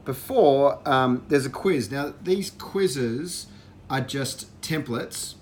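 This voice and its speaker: A man walking through an educational software system, explaining it in a relaxed way with fillers. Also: medium pitch, takes it slowly, slight background noise. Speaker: presenter demonstrating software. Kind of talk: casual walkthrough.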